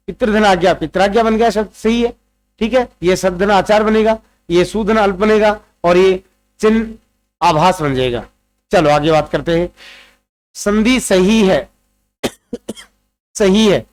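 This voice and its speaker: A man teaching a Hindi grammar lesson for exam preparation, quizzing students and repeating each answer several times. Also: sits high. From Rajasthan, India. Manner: repeats answers, drills word forms aloud; addresses students directly, quizzing them.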